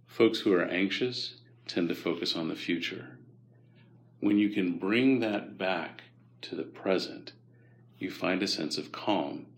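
A man from the United States, a guest expert, calmly and gently explaining mindfulness practice in an interview. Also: deep voice, vocal fry. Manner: calm, guiding, gently instructive.

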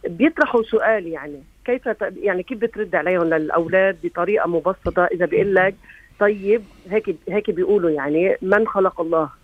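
A man with a Levantine accent speaks over the phone, his voice pitched high and his words quick. The line is narrow and tinny, and the sound is dry. He stops and restarts as he searches for how to put his question. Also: no echo. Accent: Levantine Arabic. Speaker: caller. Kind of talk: call-in question.

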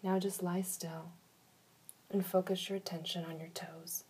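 Soft, breathy woman guiding relaxation. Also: lowish voice, level tone. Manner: soft, breathy, soothing, with long pauses. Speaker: guided relaxation instructor. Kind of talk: guided meditation, slow instructions.

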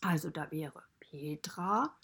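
A woman's voice: sits low, slow, gravelly, a bit bright, breathy edge, exaggerated voice. A woman voicing a friendly stable animal who narrates a children's podcast story, chatty and mostly whispered.

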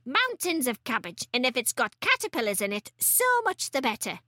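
A woman's voice: sits high, very animated, normal speed, sharp tone, no echo, heavily acted. Woman voicing a scolding tiny old granny, snappish, dry close sound, storybook. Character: bossy tiny old grandmother, sharp-tongued.

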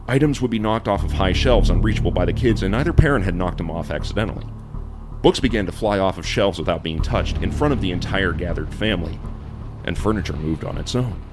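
Male horror storyteller, lowish voice, ornate theatrical vintage fright-show narration over clear music. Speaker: podcast host and narrator. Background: music behind the voice.

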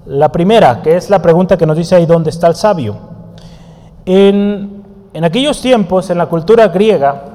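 A man leading a Bible study lesson in a slightly high but mellow voice. He talks in a conversational way, checking in with his listeners through frequent questions. Long reverb from the hall trails behind his words. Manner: writes on a board while teaching. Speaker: Bible teacher.

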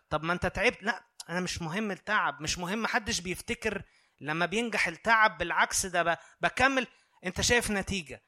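An Egyptian preacher man with a high, bright voice. He talks earnestly and conversationally, often turning to his listeners, and his words come quickly. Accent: Egyptian Arabic. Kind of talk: sermon.

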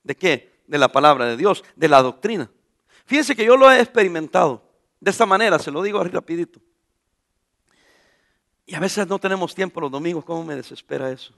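A man preaching a sermon, his voice high and sharp-edged. His pitch swings widely as he lifts his questions and drops to answer them himself. He hammers home key phrases by repeating them. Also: gravelly. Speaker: pastor.

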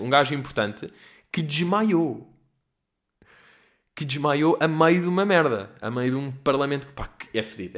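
A man with a European Portuguese accent hosting a solo comedy podcast from home, rambling and swearing, jumping between loud outbursts and low mutters. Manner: profane, digressive, mixes in English phrases. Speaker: podcast host. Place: at home in quarantine.

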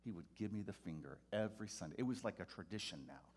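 A man preaching a sermon as a pastor, telling a personal story and loudly acting out the voices in it. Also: fairly low pitch, fast. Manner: animated, acts out voices loudly in quotes.

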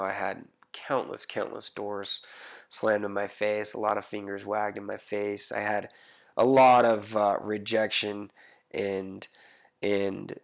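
A man in his thirties speaks with a low, rough, gravelly voice, stuffed up from a head cold. He recounts his path at an easy, thoughtful pace as a guest being interviewed in his own home. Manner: reflective, thoughtful storytelling. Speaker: photographer guest. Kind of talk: casual interview conversation.

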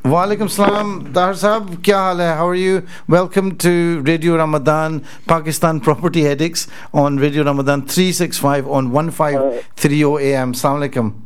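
Smooth, higher-voiced male radio host. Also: fairly even intonation, moderate pace, hardly any pauses. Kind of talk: live radio phone-in hosting.

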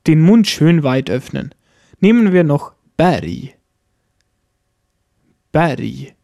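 A man leads a scripted pronunciation lesson in an unhurried, deliberate way. His voice is fairly high for a man yet soft and mellow, and it sits dry and close to the mic. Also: animated, dry recording. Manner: slow, careful, model words spoken for repeating. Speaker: language teacher.

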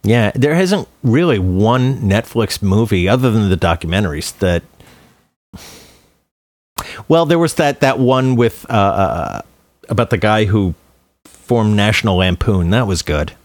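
A podcast co-host with a fairly low, animated voice chats casually about films and music, opinionated and swearing freely. He halts often, restarting phrases and repeating words, and the recording has no room sound.

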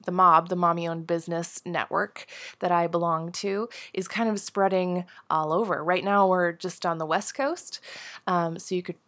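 Woman, 30s, podcast host with a head cold; nasal, bubbly, lowish voice. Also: fairly even intonation, normal speed, a bit bright. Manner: chatty, bubbly, laughs often. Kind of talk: casual solo podcast chat. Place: home office.

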